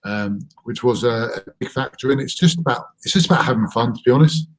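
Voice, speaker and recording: A man's voice: medium pitch, quick pace. Easygoing man in his thirties. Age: 30s. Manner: easygoing, hedging. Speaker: rugby player guest. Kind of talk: casual watchalong chat. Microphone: video call.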